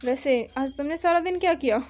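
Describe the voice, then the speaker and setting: A woman's voice: sits high, a little fast, a little mellow, close to an everyday voice. A woman playing a coaxing businesswoman wife. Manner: coaxing, placating.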